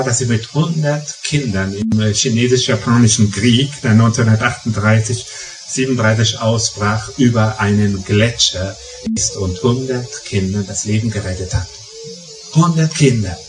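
A man's voice: mid-range voice, moderate pace. A middle-aged preacher with a Palatinate German accent delivers a story-driven sermon and leans on emphatic repetition. His voice sits in the middle of the range for a man. He is recorded from a distance in a reverberant hall with faint music underneath.

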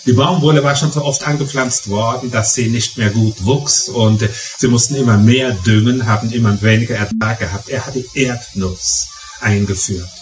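A man's voice: mid-range voice, fairly even intonation, normal speed. A middle-aged preacher with a Palatinate German accent delivers a story-driven sermon and leans on emphatic repetition. His voice sits in the middle of the range for a man. He is recorded from a distance in a reverberant hall with faint music underneath.

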